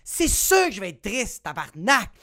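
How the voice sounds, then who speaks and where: A man with a Quebec French accent telling a comic story as podcast host, profane and animated, with bursts of shouting. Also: high-pitched, moderate pace, gravelly, no room sound, clean studio sound.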